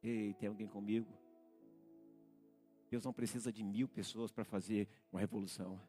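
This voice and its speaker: A man with a Brazilian Portuguese accent, a senior pastor preaching a live church sermon, repeating phrases and calling out to the congregation as he builds to shouted peaks. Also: fairly low pitch, steady tone, normal speed, faint music behind. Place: church sanctuary.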